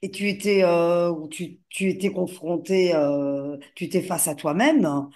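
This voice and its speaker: A woman's voice: lowish voice, unhurried, darkish tone. A woman hosting an interview, asking long questions with many hesitations and repeated words. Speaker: interviewer, host.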